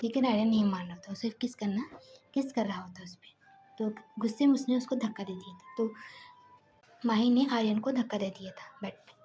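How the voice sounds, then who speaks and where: A woman narrating a romantic story in a casual, soft and often half-whispered way. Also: fairly high pitch, fairly quick, faint music behind.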